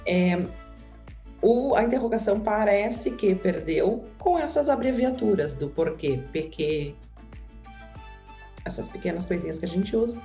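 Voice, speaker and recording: A woman's voice: medium pitch, lively intonation, measured pace, dark tone, soft background music. A woman, co-hosting a casual chat and thinking aloud as she asks questions. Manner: thinks aloud, hedging with "sei lá". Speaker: co-host.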